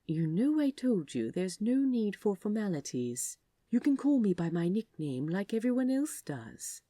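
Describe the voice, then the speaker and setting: Woman voicing Aziraphale, a gently fussy mellow receptionist man. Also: mid-range voice, big pitch swings, a little slow, no room sound, clean studio sound, pitched above the performer's own voice. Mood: warm, teasing. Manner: genteel, old-fashioned, prim phone courtesy. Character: polite, fussy, warmly flirtatious male office receptionist.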